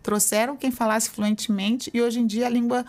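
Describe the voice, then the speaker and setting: A female university professor with a Brazilian Portuguese accent is a guest answering interview questions, explaining things conversationally and often adding fillers like "né." Her fairly high, darkish voice is flat at a normal speed.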